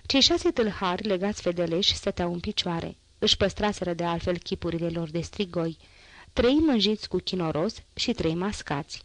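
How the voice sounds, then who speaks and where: A woman narrating a classic novel as an audiobook, in a measured literary reading. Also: lowish voice, no echo. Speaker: audiobook reader.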